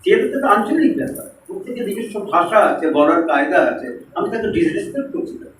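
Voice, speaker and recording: A man's voice: high-pitched, sing-song, quick pace, a bit bright, slight background noise. A man with a Bengali accent giving a seminar talk, engaging the audience with hands-on exercises. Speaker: seminar speaker. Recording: roomy echo from far off.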